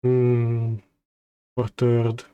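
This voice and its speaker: A man's voice: mid-range voice, monotone, drawn-out words, clear, resonant tone, no room sound, narrow, tinny audio. Guy streamer just chatting, takes his time, kinda hesitant and repeats words, dry close sound. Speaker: streamer hosting a debut stream. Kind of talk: casual livestream chat.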